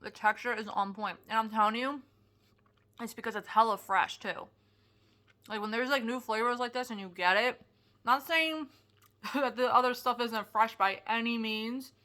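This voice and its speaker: A young woman reviewing snacks in a casual vlog, chatty and excitable, with lots of fillers and restarts. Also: on the high side, normal speed. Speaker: product reviewer.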